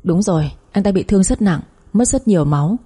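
A woman voicing a brisk middle-aged man making an urgent hospital call, clipped and hurried, in a storybook reading. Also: mid-range voice, expressive, warm tone, slightly rough.

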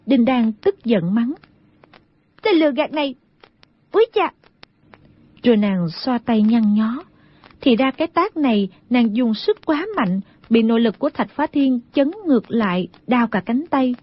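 A woman's voice: a little high, normal speed, slightly rough, no room sound. Woman narrating a martial-arts audiobook. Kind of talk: scripted narration. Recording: dull lo-fi audio.

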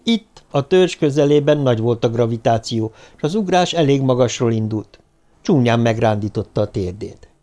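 A man narrating an audiobook in a steady, even delivery. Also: medium pitch.

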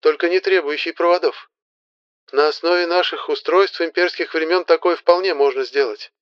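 A man's voice: a little high, fairly even intonation, normal speed, clean tone, dull audio, pitched above the performer's own voice, natural voice. A man voicing a blunt, impatient scout companion who talks in a brusque, skeptical way.

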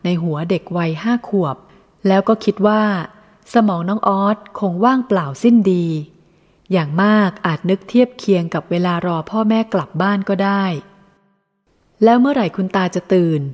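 A woman reading a first-person literary story aloud in a measured, reflective way. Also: mid-range voice, darkish tone, long reverb tail. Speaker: audiobook reader.

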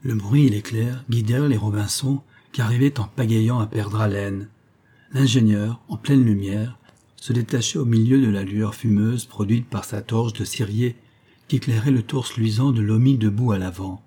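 A man reading an adventure novel aloud as an audiobook narrator, in steady, even storytelling. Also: lowish voice, moderate pace, husky. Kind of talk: scripted narration.

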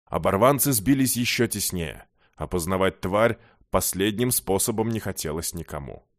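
Measured low-voiced male audiobook narrator. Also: expressive, no echo, clean studio sound. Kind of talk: scripted fantasy narration.

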